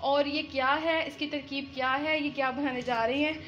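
A woman's voice: sits high, steady tone, moderate pace, a bit bright, dull audio, a little hiss or hum. A woman from Punjab, hosting a cooking show and chatting eagerly to viewers while prompting her mother. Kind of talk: casual cooking-show presenting.

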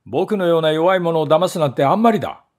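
A man's voice: big pitch swings, unhurried, a little mellow. A smug, whiny little mouse, as a man puts it on. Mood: shrill outrage. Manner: smug and condescending, turning to shrill wailing. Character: sly, whiny, ungrateful little male mouse.

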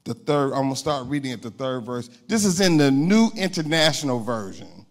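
With a brisk pace and an expressive, medium-pitched voice, a middle-aged pastor talks with his congregation during a conversational sermon, including call-and-response asides. He's indoors in a church sanctuary, using a handheld microphone.

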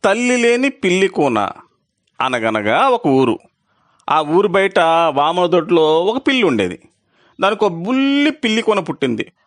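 A man narrates a children's moral tale with an expressive storyteller's delivery. He slows down for effect at key moments, and his voice sits a little high for a man.

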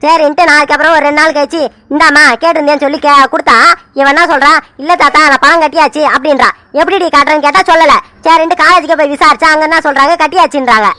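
A stubborn old grandfather from a cartoon serial, voiced by a woman, barks out his demands in a piercing, bright, fast voice. He keeps pushing with short, sharp challenges. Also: sits high, fairly even intonation, dry recording. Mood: scolding. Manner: scolding, keeps barking "ah?" demands. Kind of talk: Tamil cartoon serial voicing.

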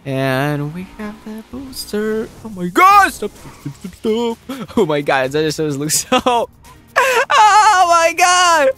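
A gameplay host giving excitable commentary, shrieking and pleading in runs of repeated words, with frequent giggling. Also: medium pitch, unhurried, hardly any pauses, faint music behind.

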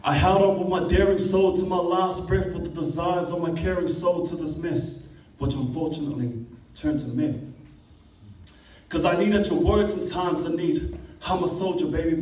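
A man's voice: on the high side, dark tone. A young man performing spoken word poetry at an open mic, rhythmic and impassioned, filmed by a distant camera in a classroom. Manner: rhythmic, impassioned delivery with rising intensity. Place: classroom with a small audience. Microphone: stand mic, filmed by a far camera. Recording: echoey room, distant camera.

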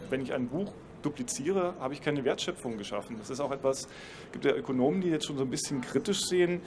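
A man's voice: medium pitch, animated, fast, noisy background. A man speaking as a professor on a panel, explaining at length with dry ironic asides on a trade fair stage. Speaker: university professor. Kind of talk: panel discussion. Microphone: handheld mic.

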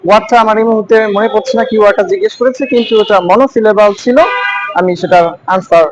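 A young man from Shariatpur, Bangladesh, recounting his exam interview in a halting way, dropping into English with hesitant fillers. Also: sits high, muffled recording, background noise. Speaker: exam candidate interviewed after viva. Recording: loud crowd chatter around.

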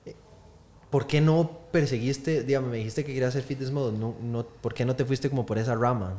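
A man's voice: mid-range voice, steady tone, warm tone. A man hosting a podcast, asking questions with many restarts and repeated words. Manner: halting, repeats words while forming questions. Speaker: podcast host. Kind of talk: casual podcast interview.

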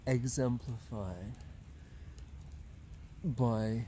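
Out in a forest, a man in his fifties who teaches yoga talks at medium pitch as he practices, a little breathless. His vlog chatter wanders, slow and reflective, with long phrases, sighs and gentle laughter. The phone camera sits on the ground, picking up slight background noise.

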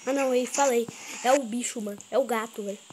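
A woman's voice: a little high, steady tone, fast talker, darkish tone. A woman with a Brazilian accent giving casual, chatty gameplay commentary for her channel. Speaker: gaming YouTuber. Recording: noisy mobile game recording with clicks.

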